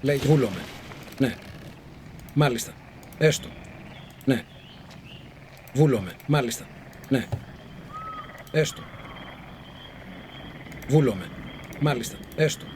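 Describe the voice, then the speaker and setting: A man voicing obedient ancient Greek units in a video game, answering in brisk, clipped acknowledgements. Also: medium pitch, expressive, noisy background. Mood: dutiful, brisk. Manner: clipped one-word acknowledgements. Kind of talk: video game unit barks. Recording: loud game music and sound effects.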